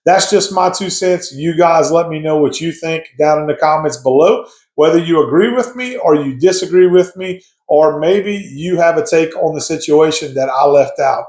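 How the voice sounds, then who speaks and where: A man's voice: a little high, moderate pace, darkish tone. A man talking casually to viewers in a conversational, explanatory way, sharing his opinion as a hobby hunter. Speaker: hobby duck hunter giving advice to viewers. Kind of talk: casual opinion talk to camera. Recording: echoey, roomy sound.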